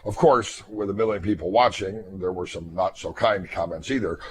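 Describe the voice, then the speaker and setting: A hypnotist and therapist in his fifties speaks earnestly and measuredly in a reflective talk to fellow hypnotists. His low, husky voice is a little weakened after throat surgery.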